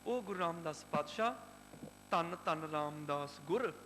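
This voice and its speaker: A Sikh preacher from Punjab, India, telling a religious story in a fervent, rhythmic, emphatic way. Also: male voice, on the high side, animated, moderate pace, fairly bright tone. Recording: hall reverb, faint hum.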